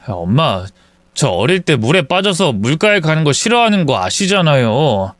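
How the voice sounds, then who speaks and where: A man's voice: fairly high pitch, big pitch swings, moderate pace, dry recording. A man voicing a timid son nearly forty who pleads apologetically with his mother. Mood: pleading.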